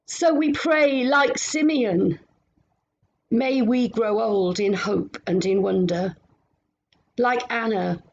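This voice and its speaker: Slow-praying woman minister at home. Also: medium pitch, creaky, highs cut off, slight background noise. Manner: slow, gentle, meditative prayer with pauses. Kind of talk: reflective prayer and sermon.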